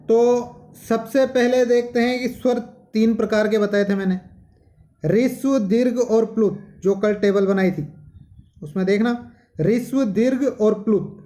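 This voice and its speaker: A man's voice: high-pitched, a little slow, dark tone. A man teaching a Sanskrit grammar lesson, talking to his students as children and patiently repeating each term.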